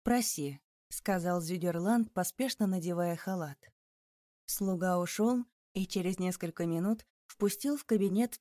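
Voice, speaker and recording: Woman narrator, measured storytelling, warm and dry. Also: on the low side, dry recording. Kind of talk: audiobook narration.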